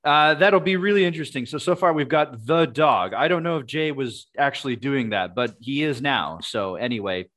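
A man co-hosting a podcast in casual chat, reading listener emails in a dry, deadpan way and tripping over words. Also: medium pitch, normal speed, few pauses.

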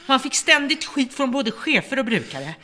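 A woman's voice: sits high, big pitch swings, slight background noise, exaggerated voice. A woman playing a bitter, vengeful captor. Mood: bitter lament. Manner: bitter, brooding monologue turning to hushed menace. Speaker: embittered former home care worker holding a captive. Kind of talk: radio drama acting.

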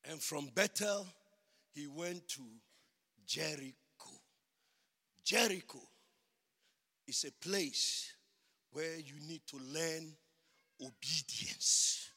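High-voiced pastor preaching in a hall. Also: male voice. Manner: slow, drawn-out preaching that builds to shouting. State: out of breath. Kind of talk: sermon. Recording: long hall reverb.

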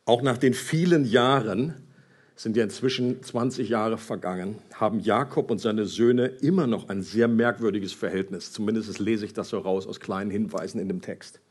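A man reading a Bible story aloud and commenting on it in a conversational, animated way with hesitations. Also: fairly low pitch, normal speed, breathy edge.

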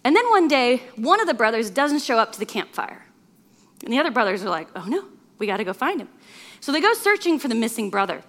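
Woman, guest preacher, storytelling sermon, high voice, very expressive intonation, chuckles often. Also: quick pace.

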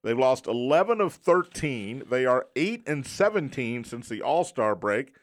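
A man's voice: mid-range voice, big pitch swings, unhurried. A man hosting sports talk radio from a studio, reading promos and chatting in an emphatic announcer style with joking asides. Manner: joking, self-deprecating. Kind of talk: sports talk radio with live sponsor reads.

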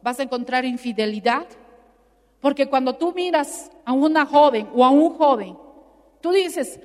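A woman's voice: sits high, animated, measured pace, a little mellow. A woman preaching a sermon with emphatic rhetorical questions, acting out little dialogues. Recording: long hall reverb with faint music.

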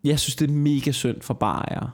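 Male co-host, crude, animated ranter, casual podcast banter. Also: mid-range voice. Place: office.

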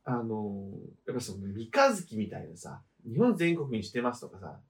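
A man co-hosting a casual chat show, animated and quick to sing snatches in a high voice. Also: a little hiss or hum. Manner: animated, breaks into off-key high singing. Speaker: podcast co-host.

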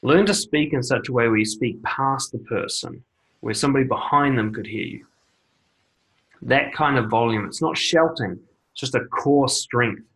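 A man coaching viewers on confident speaking in a measured, deliberate advice monologue, often pausing on a quiet "okay" and repeating words for emphasis. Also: medium pitch, poor audio. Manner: measured, deliberate delivery with frequent "okay" asides. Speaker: YouTube dating and confidence coach. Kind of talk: direct-to-camera advice monologue. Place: seated indoors recording a video.

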